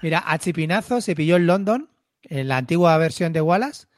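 High-voiced indignant Spanish man. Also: animated, brisk, no room sound, studio quality. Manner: indignant, repetitive, swears. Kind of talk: casual chat.

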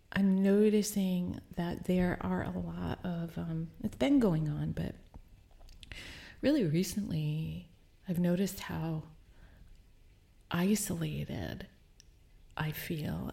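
A woman hosting a podcast, talking alone in a slow, hesitant, reflective way and often sinking into a whisper, with a low morning voice. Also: gravelly, warm tone. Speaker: podcast host. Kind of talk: casual reflective monologue.

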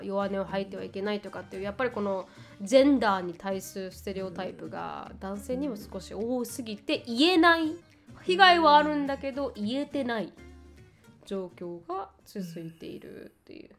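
A woman's voice: medium pitch, lively intonation, normal speed, a bit bright, faint music behind. A woman co-hosting a casual podcast chat who walks through news stories at length and reads out quotes. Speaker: podcast co-host.

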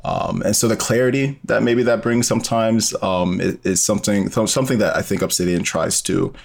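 A man appears as a podcast guest, a bioinformatics professional and storyteller, explaining things casually and step by step with many hesitant fillers. His voice is on the low side and creaky, and he talks fairly quickly.

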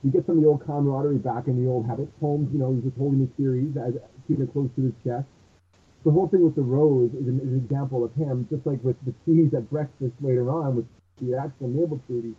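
A man's voice: medium pitch, steady tone, fast talker, husky. A man co-hosting a podcast, rambling casually through a story discussion, his voice muffled and hollow as if he were in a tunnel. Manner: rambling, restarts often. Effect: muffled hollow sound, as if in a tunnel. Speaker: podcast co-host. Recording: muffled phone-like bad mic.

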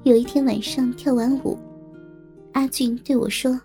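High, creaky woman storyteller. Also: fairly even intonation, moderate pace, mellow, faint music behind. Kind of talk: first-person story narration.

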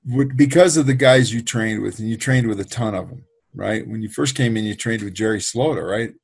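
Gravelly man telling a rambling story. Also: lowish voice, a little fast. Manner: rambling, with many restarts and asides. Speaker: football trainer and program host. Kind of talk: casual storytelling interview.

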